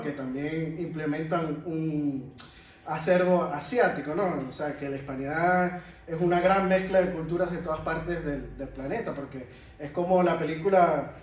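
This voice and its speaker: Echoey, distant Venezuelan man speaking publicly. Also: on the high side. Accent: Venezuelan Caribbean. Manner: frequent rhetorical check-tags and questions. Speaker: panel speaker and history communicator. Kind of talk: public talk at a round table. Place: echoey room in a monastery, before an audience. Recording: very echoey, distant mic, faint noise.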